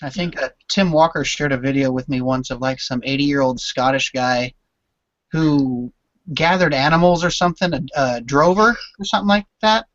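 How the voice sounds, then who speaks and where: A man's voice: mid-range voice, normal speed, fairly bright tone, no echo. A man chatting casually with friends, joking and hesitating with fillers. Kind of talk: casual group chat. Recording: dry dull lo-fi sound.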